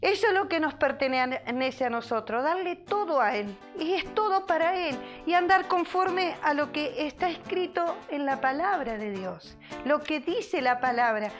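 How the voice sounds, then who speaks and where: Woman pastor, high voice, earnest sermon, repeats phrases, faint music behind. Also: lively intonation. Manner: earnest preaching with repetitions and pauses.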